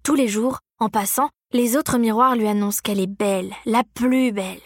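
Expressive woman reading a children's story. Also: fairly high pitch, fairly quick, no room sound, studio quality.

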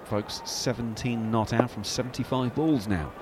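A man calling live cricket as a commentator, in punchy, excitable short phrases. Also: medium pitch, normal speed, noisy background. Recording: loud crowd over broadcast commentary. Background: loud stadium crowd.

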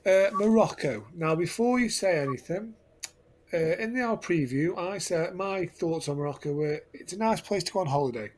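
A man's voice: high-pitched, animated, moderate pace, a little hiss or hum. A man co-hosting a casual football podcast, rambling and often laughing. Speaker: podcast co-host.

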